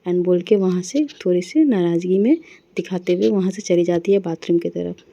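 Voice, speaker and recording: A woman's voice: fairly low pitch, moderate pace, creaky, dark tone, highs cut off. A woman narrating a romance story in a casual, chatty way, mixing in English words. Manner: chatty, plain retelling.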